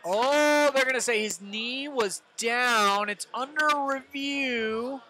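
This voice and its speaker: A man's voice: very high-pitched, takes it slowly, pushed and bright. A young man co-hosting a live football watch party in a bar, with casual commentary and cocky, teasing banter. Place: in a bar or brewery.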